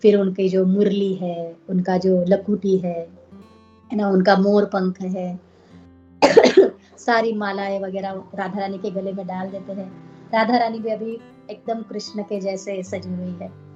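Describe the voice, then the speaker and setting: A woman's voice: mid-range voice, little pitch movement, a little slow, dark tone, soft background music. A woman teaching, telling a devotional story and reading scripture, with frequent tag questions, on a dull lo-fi recording.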